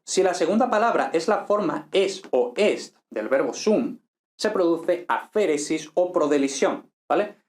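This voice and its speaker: A man teaches Latin in a relaxed lecture, speaking with a slightly raised pitch. He thinks aloud, restarts his sentences and keeps checking in with his listeners. The room has a noticeable echo. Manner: thinks aloud, many tag questions and restarts. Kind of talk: informal recorded lecture. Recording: echoey room.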